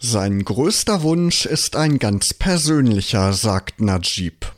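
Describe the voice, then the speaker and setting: A man narrating a news report in a measured reporting tone. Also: mid-range voice, lively intonation. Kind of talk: scripted narration.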